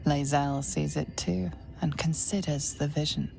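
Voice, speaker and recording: Solemn game narrator, very creaky low voice, intimate storytelling, music behind. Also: female voice, fairly even intonation, a little slow. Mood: hushed, knowing. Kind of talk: scripted second-person game narration.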